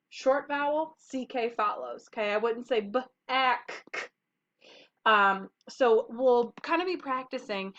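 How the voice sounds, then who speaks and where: Patiently working through letters and short vowels one by one, a young woman teaches phonics to kindergarten children. Her slightly high voice has a fairly bright tone, and the home recording sounds dull and lo-fi.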